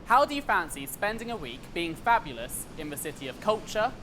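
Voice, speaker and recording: A man's voice: very animated, a little fast. A man presenting a competition prize in an upbeat, showy, scripted announcer style. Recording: clear background noise, vehicle rumble.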